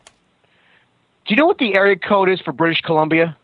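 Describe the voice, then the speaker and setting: A man co-hosting a podcast who calls in over a poor phone line that sounds like a payphone, asking deadpan questions and repeating his host's name before each one. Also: high-pitched, normal speed, no echo. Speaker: podcast co-host. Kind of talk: deadpan running gag chat. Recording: dull lo-fi phone call.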